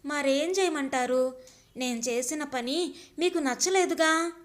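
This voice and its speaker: A timid young wife, voiced by a woman narrator, speaks up hesitantly and with hurt. Her voice is high and soft-edged. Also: a little slow. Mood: hurt pleading. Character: timid young housewife pleading with husband.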